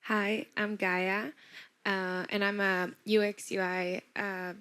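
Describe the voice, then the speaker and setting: A woman's voice: medium pitch, little pitch movement, takes it slowly, sharp tone, clear, resonant tone. A woman who is a designer introducing herself at a workshop, sounding eager. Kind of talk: self-introduction.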